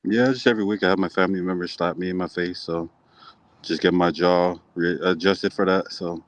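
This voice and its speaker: Young male athlete in an interview: low, even voice, nonchalant and understated, dry close sound. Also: a little fast, no echo. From Hawaii. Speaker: slap fighting athlete being interviewed. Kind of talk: casual interview answers.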